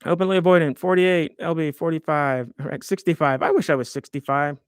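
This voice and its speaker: A man's voice: on the high side, steady tone, brisk, clean tone, dry recording, clean studio sound. A man in his fifties hosting a live stream, chatting casually and in a rambling, self-deprecating way while reading viewer comments aloud. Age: 50s.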